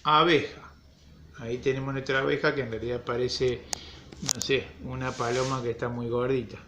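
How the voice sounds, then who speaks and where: A man's voice: mid-range voice, little pitch movement, a little fast, a bit bright, slight background noise. A man teaching young children their letters, with a patient, playful way of checking in with them. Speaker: primary school teacher. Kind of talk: children's phonics lesson at a board.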